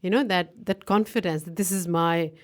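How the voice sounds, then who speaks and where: A woman's voice: on the low side, steady tone, moderate pace. A woman hosting a radio interview, chatty and laughing often, with hesitant fillers. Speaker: radio show host.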